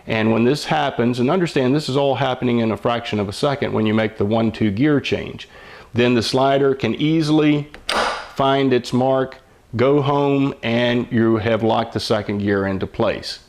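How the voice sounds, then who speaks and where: A mid-range, slightly mellow voice carries this older man's step-by-step mechanical instruction. He talks steadily at a moderate pace, folksy and patient in the manner of an old machinist.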